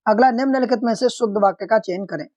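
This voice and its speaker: A man's voice: sits high, quick pace, darkish tone, no echo. A man teaching an online exam-prep lesson, explaining answers step by step, putting questions to viewers and calling them friends.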